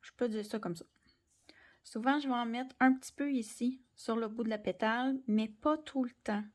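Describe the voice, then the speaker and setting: A young woman with a Québécois French accent, gently explaining a colored pencil drawing tutorial and sometimes dropping to near-whispers. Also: a little high, steady tone, moderate pace. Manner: gentle, soft-spoken, drops into near-whispers while drawing. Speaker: art tutorial host.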